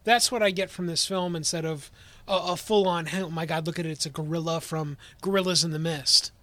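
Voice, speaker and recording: High, bright-voiced male co-host. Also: steady tone, no echo. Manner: rambling, halting, full of restarts and analogies. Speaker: guest co-host. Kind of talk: casual podcast chat.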